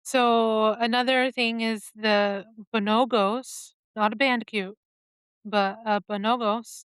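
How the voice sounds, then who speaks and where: Slow, crystal-clear woman reading news bits. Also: fairly high pitch, steady tone, fairly bright tone, no room sound. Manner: halting, reads stories with pauses and uh's. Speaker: podcast co-host. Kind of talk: casual chat, reading news stories.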